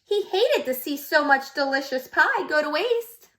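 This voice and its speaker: A woman teacher reads a storybook aloud to little children in a high, bright voice. Her pitch swings up and down with lively expression, and she stops to ask the kids gentle questions. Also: measured pace. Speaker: preschool teacher. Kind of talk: reading a picture book aloud to young children.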